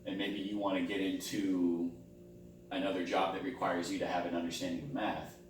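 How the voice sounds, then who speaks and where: A man speaking as a school counselor in a role-play conversation, calm and reassuring like a therapist, rephrasing as he goes. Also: deep voice, brisk. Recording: very echoey room, distant mic, faint hum.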